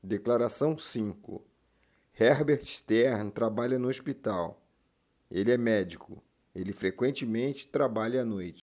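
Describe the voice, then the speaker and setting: A man's voice: medium pitch, a little slow, a little mellow. Man reading plain translations. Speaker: translator in a language course. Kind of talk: reading translations after each phrase.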